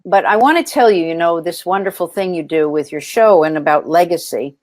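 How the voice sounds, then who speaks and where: The founder of a nonprofit, a woman with a fairly low, slightly mellow voice and a slightly fast pace, talks in an interview. It's a dry recording, and she tells her stories earnestly, with lots of ums and restarts.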